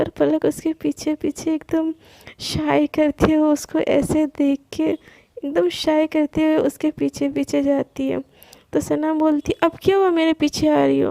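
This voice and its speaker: A young woman tells a story in a chatty, casual way and voices the characters' lines herself. Her voice sits high and steady, with a mellow, gravelly texture. The recording is dry and close. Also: a little slow, dry recording. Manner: narrates in a chatty way, voicing both girls' lines. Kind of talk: casual storytelling narration with acted dialogue.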